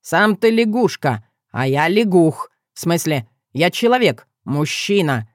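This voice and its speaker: A woman putting on a creaky, indignant frog-man. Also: fairly low pitch, very animated, measured pace, no room sound, clean studio sound. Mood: scornful. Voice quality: creaky, squawking. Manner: indignant, scornful. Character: haughty male frog shapeshifter, grumpy.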